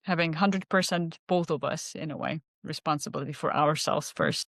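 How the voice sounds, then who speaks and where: A woman hosting a podcast, calm, giving brief agreeing replies. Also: deep voice, moderate pace, gravelly, no room sound, clean studio sound. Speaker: podcast host. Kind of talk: casual podcast interview.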